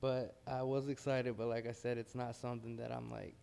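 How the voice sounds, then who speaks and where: A man's voice: medium pitch, little pitch movement, a little fast, gravelly, dark tone, smooth. An American man, a heavyweight boxer, talking casually and modestly in a pre-fight interview.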